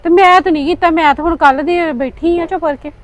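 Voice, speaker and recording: A woman's voice: very high voice, fairly even intonation, quick pace. A young woman in a family drama, pleading, soothing and defending herself. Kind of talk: Punjabi family drama acting.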